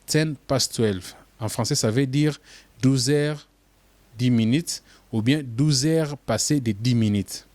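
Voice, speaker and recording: A man narrating a language lesson in a measured, explanatory way, spelling out terms. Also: medium pitch, darkish tone, no echo. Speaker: English teacher.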